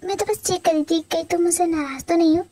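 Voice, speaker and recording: A young woman voicing a wife in a fan audio drama, high, pleading and playful. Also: fast talker, background noise. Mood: flustered. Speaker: voice actor.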